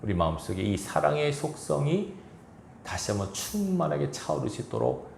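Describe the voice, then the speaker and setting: A man's voice: fairly high pitch, sing-song, moderate pace, gravelly, darkish tone, reverberant, slight background noise. A man preaching a sermon as pastor of a church, earnest and exhorting, with chuckles and quoted asides. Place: church sanctuary.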